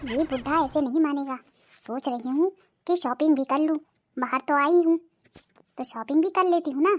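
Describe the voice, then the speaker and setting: A voice artist playing a bossy, sharp-tongued middle-aged cartoon wife who nags and threatens. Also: high voice, moderate pace, lightly acted. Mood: nagging. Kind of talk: cartoon voice acting.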